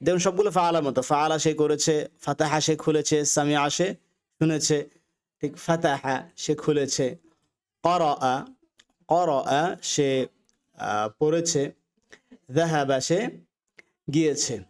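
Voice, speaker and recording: A man with a Bangladeshi accent teaching an Arabic grammar lesson, patiently repeating each word slowly for learners to follow. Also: on the high side. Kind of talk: recorded lesson.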